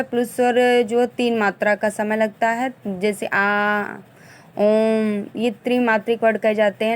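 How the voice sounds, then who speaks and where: A woman's voice: on the high side, darkish tone. A woman teacher explains Sanskrit grammar for an exam, sounding out vowels and examples one by one and sometimes restarting a phrase. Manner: restarts and corrects herself mid-phrase.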